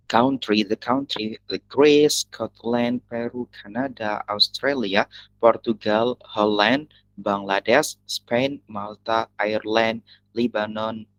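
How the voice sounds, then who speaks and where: A man with an Indonesian accent teaching an English lesson in an online class, talking in halting phrases that he often restarts. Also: on the low side, no room sound, lo-fi sound.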